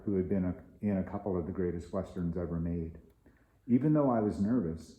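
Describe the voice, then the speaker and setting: A man with a deep, warm voice, a film property master and author, tells stories from his working life in film and partly reads aloud from his own memoir. The recording has a roomy echo.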